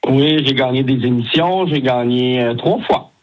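A man with a Québécois accent and a husky voice, a chef chatting casually and affably as a radio guest, with some hesitation. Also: mid-range voice, moderate pace, muffled recording, slight background noise. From Quebec, Canada. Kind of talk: casual interview chat.

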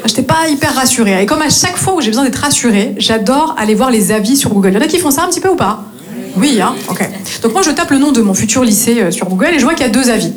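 A woman from north-east France telling an animated stand-up story on a club stage, peppering it with "hein" and laughing asides. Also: on the high side, fast. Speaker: stand-up comedian. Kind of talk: stand-up comedy set. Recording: live club recording with crowd noise. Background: audience laughter.

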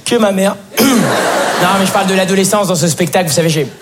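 A teenage man doing stand-up comedy on stage, talking to the audience and slipping into put-on voices. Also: fast. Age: teens. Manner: lively, jumps into shrill put-on voices. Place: theatre stage. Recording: live show, noisy crowd.

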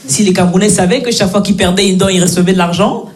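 A woman in her twenties from Belgium doing a stand-up routine, telling stories briskly and acting out her parents. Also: mid-range voice. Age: 20s. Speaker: stand-up comedian. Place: comedy stage before a live audience. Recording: live show with crowd noise. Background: audience laughter.

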